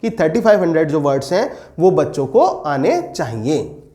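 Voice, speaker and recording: Animated high-voiced male teacher. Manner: animated, slows to dictate English definitions, rhetorical questions to students. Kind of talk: exam-prep lecture.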